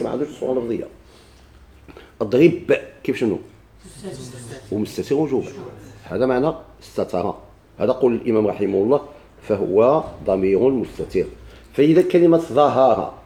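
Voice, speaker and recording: A man with a Moroccan Arabic accent, teaching a classical Arabic grammar text. He asks questions and answers them himself, and slows down to quote verses and examples. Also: medium pitch, warm tone.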